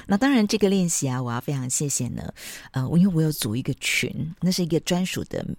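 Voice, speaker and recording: A woman hosting a parenting podcast, chatty and sprinkled with soft laughs. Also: deep voice, animated, quick pace, creaky, no room sound. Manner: chatty, with frequent soft laughs and tag particles. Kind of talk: casual podcast monologue.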